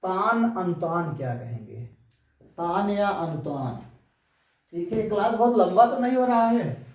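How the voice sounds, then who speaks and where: Male teacher with a high voice who quizzes the class and answers himself, recorded far off in a booming room. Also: expressive, a little slow. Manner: repeats key terms, asks and answers his own questions. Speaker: Hindi teacher. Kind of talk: classroom lesson. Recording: very echoey room, far from mic.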